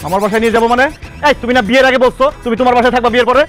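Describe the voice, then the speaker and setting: An actor playing a young man trying to dodge marriage, exasperated and fast-talking, in a comic TV drama. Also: extremely high pitch, fairly even intonation, a bit bright, faint music behind. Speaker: reluctant groom.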